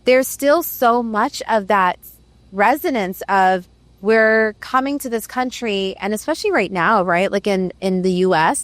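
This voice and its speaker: A woman's voice: mid-range voice, no echo. A woman host raised in the Middle East, musing thoughtfully in conversation with many "right"s and "like"s. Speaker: podcast host. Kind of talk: reflective conversation.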